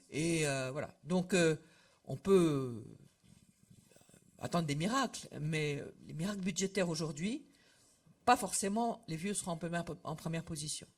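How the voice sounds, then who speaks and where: A woman's voice: deep voice, breathy edge. Older woman chatting informally to members. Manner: conversational, many fillers, trails off at phrase ends. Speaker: association representative. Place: meeting room with audience.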